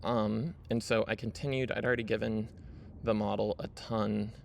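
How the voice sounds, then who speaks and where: In a casual screen-share walkthrough, a man hosting his own video speaks at a moderate pace in a low, gravelly voice that barely moves in pitch. Fillers and "right?" tags pepper his talk, with slight noise in the background.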